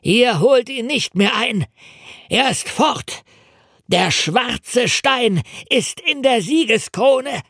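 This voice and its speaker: A man's voice: mid-range voice, sing-song, unhurried, vocal fry, no room sound, studio quality. A man doing an icy old spymaster. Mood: triumphant. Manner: icy, sly and commanding. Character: cold, calculating old male spy mastermind.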